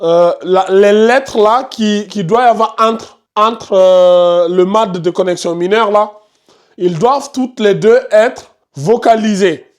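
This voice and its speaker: A man's voice: high voice, slow. A man teaching Quran recitation rules in an online class. He repeats himself and points at details on the screen. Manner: repetitive, pointing out details on screen, scolds noisy students.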